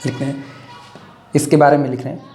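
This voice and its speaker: A man teaching math in a lecture, slowly dictating formulas word by word and explaining with homely comparisons. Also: mid-range voice, little pitch movement, dark tone, roomy sound. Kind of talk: classroom lecture, dictating notes.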